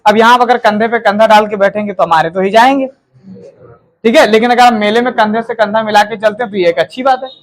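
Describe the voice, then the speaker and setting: This high-pitched man moves at a quick clip through a conversational grammar lesson. Along the way he keeps checking on his audience and performs sample sentences in varied tones.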